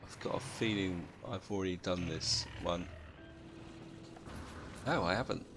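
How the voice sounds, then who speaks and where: A man's voice: sits low, a little slow, over music. A British man, sounding half asleep, giving casual commentary as he hosts a video game playthrough. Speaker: video game let's-play host. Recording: noticeable background noise.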